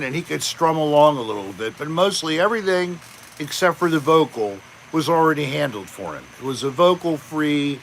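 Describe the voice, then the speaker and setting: A man hosting a casual live chat, greeting viewers by name in a relaxed, chatty way. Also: a little high, slight background noise, low-quality recording. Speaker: livestream host.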